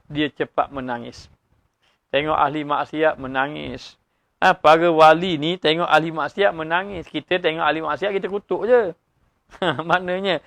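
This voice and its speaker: A man with a Malaysian Malay accent giving a sermon-style religious lecture, lively and joking, with frequent "ah" fillers and sudden rises in pitch. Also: no room sound. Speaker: religious teacher.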